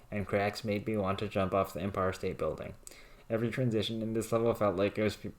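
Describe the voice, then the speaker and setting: Deep-voiced man reading in a deadpan monotone. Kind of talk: reading written rants aloud.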